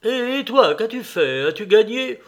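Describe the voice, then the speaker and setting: A man reading aloud voices a hearty army captain with a thunderous, booming voice who barks orders at servants. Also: expressive, a little slow. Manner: shouts orders, amused by his own voice. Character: loud hearty male army captain, gambler.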